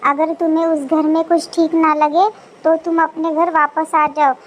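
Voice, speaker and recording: A woman voicing a protective young sister-in-law in an animated story, speaking in a reassuring way. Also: high-pitched, normal speed, muffled recording, slight background noise, lightly acted. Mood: concerned.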